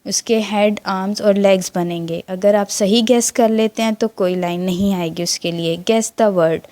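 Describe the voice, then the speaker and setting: A woman teacher with a Pakistani accent going through a textbook lesson, reading English lines slowly and explaining them in Urdu. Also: medium pitch, steady tone, dark tone.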